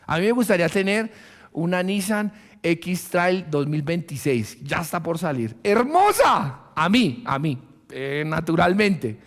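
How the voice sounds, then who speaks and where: A Colombian man preaching a sermon as pastor, animated and joking, often laughing, in a church. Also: on the high side, unhurried. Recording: long reverb of a church hall.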